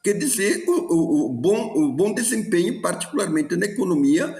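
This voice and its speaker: A man's voice: sits high, normal speed. A man with a Brazilian Portuguese accent, a professor giving emphatic political analysis on a live news panel over a remote call, often restarting phrases. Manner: animated, many restarts, emphatic. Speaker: political science professor, commentator. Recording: roomy echo.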